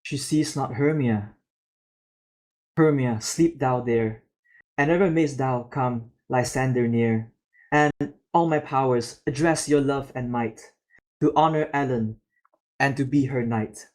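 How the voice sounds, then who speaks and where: A man's voice: medium pitch, a little slow, darkish tone, natural voice. A man voicing a besotted young nobleman in an amateur Shakespeare reading, declaiming the verse steadily. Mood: fervent.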